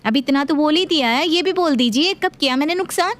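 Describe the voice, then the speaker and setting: A woman's voice: sits high, lively intonation, a little fast, pitched above the performer's own voice. A woman voicing a touchy, defiant young daughter-in-law who argues back indignantly. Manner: indignant, argumentative.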